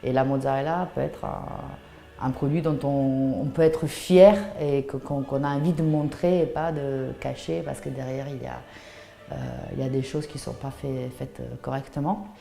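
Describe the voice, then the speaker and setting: With a very deep, gravelly and mellow voice, a woman in her thirties gives a personal interview account of her work as an artisan cheesemaker and shop founder. She comes from Puglia, southern Italy, and speaks with an Italian accent, hesitantly thinking aloud at normal speed with fairly even intonation. The sound is roomy.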